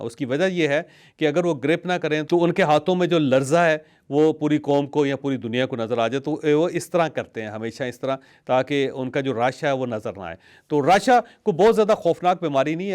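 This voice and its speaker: Guy, kinda high voice, hosting a chatty health talk, slow storytelling with little pauses. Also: a little mellow. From Pakistan. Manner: storytelling, measured, with hesitations. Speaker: host.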